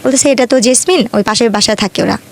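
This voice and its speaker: A young woman with a Bangladeshi accent tells her own life story in detail, speaking fast in a fairly high, creaky voice. Her conversational retelling is full of quoted dialogue.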